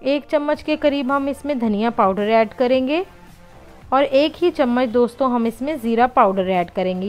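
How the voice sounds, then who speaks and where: A woman with a slightly high voice hosts a home cooking channel, narrating a recipe step by step in a patient voice-over. She often addresses her viewers as friends.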